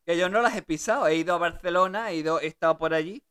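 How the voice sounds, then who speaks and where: A woman's voice: on the low side, fast talker, fairly bright tone, smooth. A woman hosting a radio show, chatting casually with a guest and laughing easily. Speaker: radio host.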